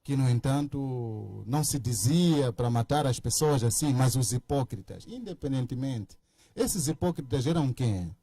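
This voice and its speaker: A man's voice: medium pitch, lively intonation, moderate pace, warm tone, husky, no room sound. A man, a pastor in a religious debate, who argues with pointed rhetorical questions.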